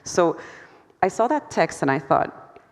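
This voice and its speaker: A low-pitched woman presents her own artwork in a lecture hall, her voice trailing a long reverb. She talks haltingly, restarting phrases and filling pauses, laughing at herself now and then. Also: big pitch swings. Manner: hesitant, many fillers and restarts, self-deprecating laughter. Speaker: artist presenting her work. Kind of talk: conference talk.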